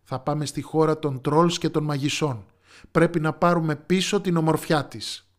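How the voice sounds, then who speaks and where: A man's voice: fairly high pitch, close to an everyday voice. A man voicing a brave, bossy young princess in rags from a fairy tale, speaking firmly. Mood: commanding. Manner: firm, commanding speech.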